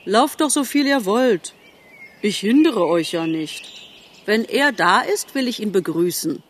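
A woman's voice: medium pitch, animated, a little slow. A woman voicing a proud, reckless young male deer who talks scornfully. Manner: scornful, self-assured.

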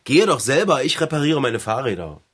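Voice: medium pitch, very animated, brisk, slight background noise, natural voice. A voice actor playing an easygoing bike mechanic in a cartoon, talking in plain everyday speech. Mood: cheerful. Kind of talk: cartoon voice acting.

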